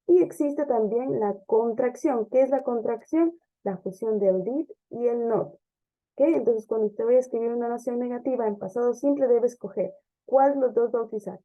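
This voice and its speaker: A woman teacher explaining English grammar step by step, often checking understanding with a quick "ok?" or "¿sí?". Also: a little high. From Ecuador. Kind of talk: classroom grammar lesson. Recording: dull lo-fi lesson recording.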